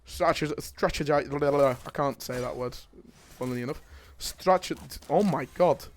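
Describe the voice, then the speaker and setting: A young man casting a live esports match, jokey and excitable, rising to shouts on big plays and dropping to quiet asides. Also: mid-range voice, moderate pace. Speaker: esports caster.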